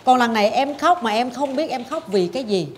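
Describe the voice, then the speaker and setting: A woman in her forties speaks with a fairly high voice. She tells a personal story in a dramatic, animated way and acts out her own past thoughts, with a faint hiss of noise behind her. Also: fairly quick. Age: 40s. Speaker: talk show host. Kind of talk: confessional storytelling chat.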